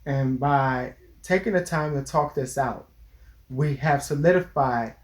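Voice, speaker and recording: A man's voice: mid-range voice, unhurried. A young man, a therapist, earnestly giving relationship advice in casual chat, sometimes restarting his sentences. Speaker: therapist co-host.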